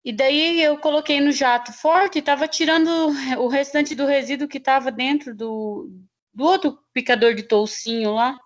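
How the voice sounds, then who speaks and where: Student, woman, rambling storyteller on a video call, voice pitched a bit high. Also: normal speed, highs cut off. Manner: animated, rambling storyteller with frequent laughs and restarts. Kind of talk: telling a story in an online class.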